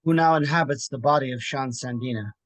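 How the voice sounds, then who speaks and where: A man's voice: medium pitch, fairly quick, no room sound, lightly acted. A man playing a grave, formal spiritualist who addresses a demon in a horror drama. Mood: grave, imploring. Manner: formal, imploring and commanding. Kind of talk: dramatic horror script reading.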